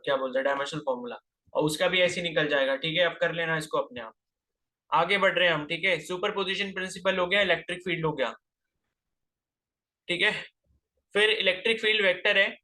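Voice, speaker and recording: A man's voice: high voice, sharp tone. A man teaching a physics class, lecturing and scolding his students with rhetorical questions, terms into his speech.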